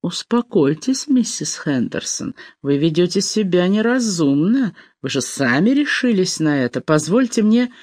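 A woman's voice: fairly low pitch, a little slow, hardly any pauses, dry recording, studio quality. A reader voicing a firm, soothing female nurse in an audiobook. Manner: calming, firm. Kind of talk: audiobook dialogue.

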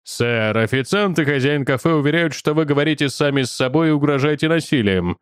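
Brief: stern heavy cop, low and deliberate, read by a male narrator, dry close recording. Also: clean tone, no room sound, natural voice. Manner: low, slow and formal.

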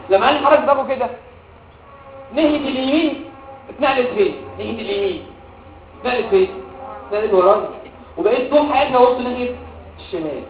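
A man's voice: very high-pitched, distant mic, a little hiss or hum. A man with an Egyptian Arabic accent lecturing medical students, mixing in English medical terms and quizzing the class. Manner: animated, asks the class questions and answers them himself; mixes English medical terms into his talk. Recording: tinny phone-like audio, echoey room, from afar.

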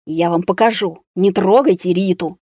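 A woman voicing a bitter, angry young man confined to a hospital ward, speaking sharply and at times shouting. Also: lowish voice, moderate pace, slightly rough. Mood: furious.

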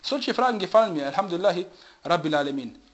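This religious teacher speaks in a high, animated male voice, captured in dull lo-fi quality. During his lecture he frequently stops to hunt for the right German word and checks that the audience is keeping up.

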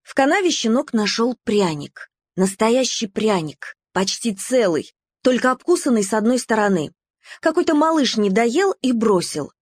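A woman reads a children's story aloud with lively, expressive pacing. Her voice sits fairly high for a woman. The recording is close and dry, with no room sound. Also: normal speed, breathy edge, dry recording. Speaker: narrator. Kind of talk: storybook reading.

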